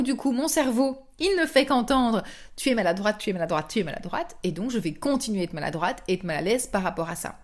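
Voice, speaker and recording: A woman hosting a motivational podcast, speaking directly to the listener in an animated, coaxing way and acting out inner thoughts. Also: medium pitch. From France. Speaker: podcast host and coach.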